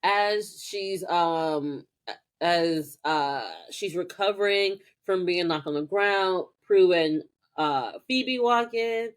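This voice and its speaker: A woman's voice: on the low side, takes it slowly. A woman co-hosting a podcast, recapping a TV episode in casual chat and acting out lines with plenty of swearing. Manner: animated retelling with acted-out quotes, profane. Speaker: podcast co-host.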